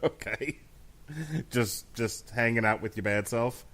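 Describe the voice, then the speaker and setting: A man's voice: lowish voice, flat delivery, slow, fairly bright tone. A man hosting a boxing commentary show, talking casually with joking, mock-formal flourishes. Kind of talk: casual sports talk, joking introductions.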